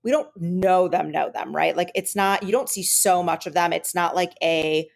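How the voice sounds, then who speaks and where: A woman's voice: lowish voice, steady tone, normal speed, vocal fry. A woman co-hosting a podcast in casual chat, chatty and full of "um" and "like.". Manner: chatty, many fillers like "um" and "like". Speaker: podcast co-host.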